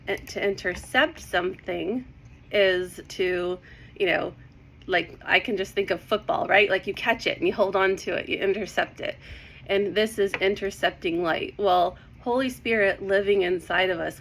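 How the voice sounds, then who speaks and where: A woman giving a casual devotional talk about Bible verses, excited and a little out of breath. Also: mid-range voice, normal speed, creaky. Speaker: Bible teacher.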